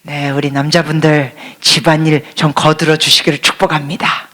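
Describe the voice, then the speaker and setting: A woman missionary with a fairly bright, higher-pitched voice preaches a sermon at a church service. She quizzes the congregation and drops to a whisper for emphasis.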